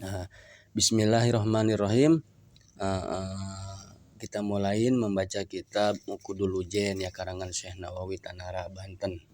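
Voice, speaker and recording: A man with a Sundanese accent teaches a kitab reading lesson during a shrine visit, retelling the religious book in folksy everyday talk and explaining it plainly. His low, darkish voice is flat in delivery and unhurried.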